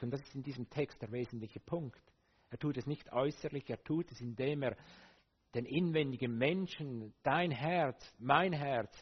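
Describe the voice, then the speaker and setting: Man, husky, mid-pitched preacher; chatty, animated sermon delivery with fillers; slightly muffled lo-fi recording. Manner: conversational, animated, many fillers, direct address to listeners.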